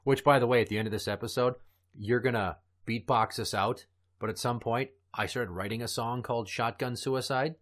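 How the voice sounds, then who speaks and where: A man's voice: medium pitch, fairly even intonation, fairly quick. A man hosting a comedy podcast, chatting casually and telling crude, morbid jokes. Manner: dark crude joking, storytelling. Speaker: podcast host.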